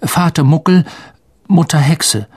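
Man doing a polite teen schoolboy voice, earnest and respectful, bit higher, husky edge. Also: measured pace, darkish tone, no echo. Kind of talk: audiobook character voice.

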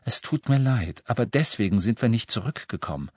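A man's voice: mid-range voice, animated, brisk, husky, no room sound, clean studio sound. A man voicing a tense teenage boy who speaks with urgency in an audiobook. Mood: urgent.

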